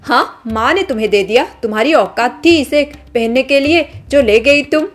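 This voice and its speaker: A woman's voice: high voice, moderate pace, faint music behind. A woman voicing an arrogant, spoiled young woman from a rich family who scolds and sneers, in a storybook drama. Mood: haughty scolding.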